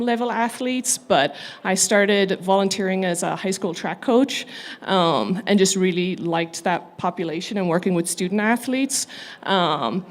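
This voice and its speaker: A middle-aged woman from Ireland answering on a live panel. She talks at a mid pitch and explains things in a measured, careful way. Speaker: panel guest, physician.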